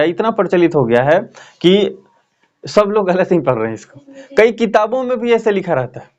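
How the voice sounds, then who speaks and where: A man with a high voice teaches a grammar lesson at a board, and the recording has its highs cut off. He explains in a chatty manner and checks in often with his students.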